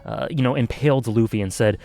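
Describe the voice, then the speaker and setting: A man's voice: mid-range voice, fast, gravelly, darkish tone. A man casually reviewing an anime arc, thinking aloud with many fillers and self-corrections.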